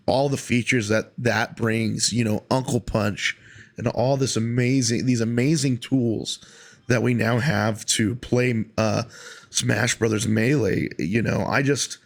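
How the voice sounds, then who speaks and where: Guy doing a solo podcast, casual and earnest, kinda rambles, mid-pitched voice. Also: steady tone, unhurried, vocal fry. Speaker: podcast host.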